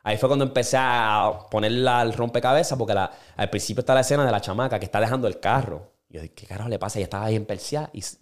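A man's voice: fast, hardly any pauses. A man, a podcast co-host, recapping a show in casual chat, full of slang and acted-out quotes. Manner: animated storyteller, acts out quotes with sudden high jumps, heavy slang.

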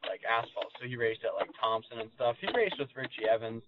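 A man's voice: mid-range voice, expressive, brisk, noisy background. Rambling young man, muffled audio. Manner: rambling, laughs often, lots of fillers. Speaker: race car driver guest. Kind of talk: casual podcast chat.

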